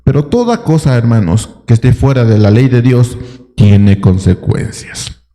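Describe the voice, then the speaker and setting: Male pastor, mid-pitched and dark-toned, questioning his congregation, long hall echo. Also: expressive, measured pace. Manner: dramatizes the story with rhetorical questions. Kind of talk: sermon. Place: church hall. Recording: long church hall reverb.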